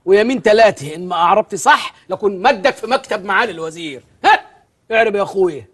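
An actor playing a loud, bossy, old-fashioned male Arabic teacher who scolds in a comically indignant way. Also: high-pitched, lively intonation, quick pace, husky, heavily acted. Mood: mocking. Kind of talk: comedy film acting.

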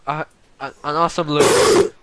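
A man hosting a casual game commentary, excitable and profane, often shouting. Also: a little high, moderate pace, a crowd in the background. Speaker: host.

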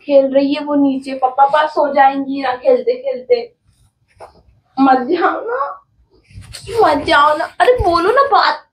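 High-pitched young Hindi-speaking woman pleading. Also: takes it slowly, long pauses, poor audio. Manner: pleading, repeating herself. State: tearful, crying. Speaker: vlogger, wife being pranked. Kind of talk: casual home vlog, pleading.

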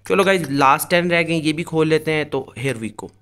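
The man's voice is a little high and moves at normal speed, with background noise present. Hosting a gaming video, he addresses viewers directly in a casual, explanatory style while commenting on a screen-recorded game.

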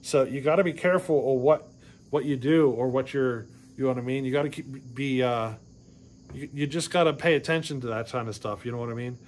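A man in his forties talks chainsaw chains to the camera inside his garage workshop. His voice sits in an ordinary middle pitch, and he rambles, backtracks and keeps checking in with "you know what I mean". Faint crickets chirp in the background. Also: brisk, darkish tone, a little hiss or hum. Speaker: chainsaw channel host. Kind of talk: casual shop talk to camera.

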